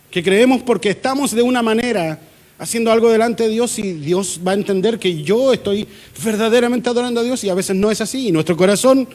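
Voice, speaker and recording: A man's voice: sits high, a little mellow. A man with a Chilean accent, a pastor preaching a conversational sermon in church, acting out little dialogues with humor.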